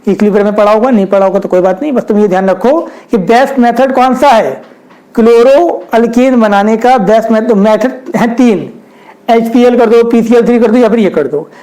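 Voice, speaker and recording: A man's voice: very high voice, fairly quick, dark tone, low-quality recording. A young man, giving a chemistry lecture at a whiteboard, often asking rhetorical questions and speaking directly to his students. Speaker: chemistry teacher.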